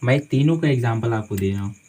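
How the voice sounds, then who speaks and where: A man's voice: medium pitch, expressive, quick pace, darkish tone, poor audio. A man teaching English spelling rules in a classroom-style lesson, spelling words out letter by letter and repeating each phrase with a "theek hai" check after most points.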